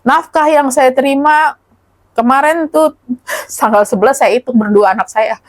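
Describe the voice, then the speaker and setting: Middle-aged woman guest, raised pitch, animated storyteller who voices the people in her story. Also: moderate pace. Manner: animated, acts out quoted dialogue. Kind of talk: casual storytelling interview.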